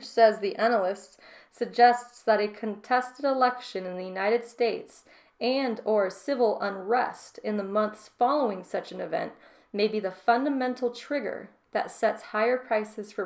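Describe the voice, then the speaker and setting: Nasal-voiced woman, stand-in news reader, slight gravel in the voice, steady delivery. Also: medium pitch. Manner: plain, steady article reading, then loose casual sign-off. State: tired. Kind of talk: reading financial news articles aloud.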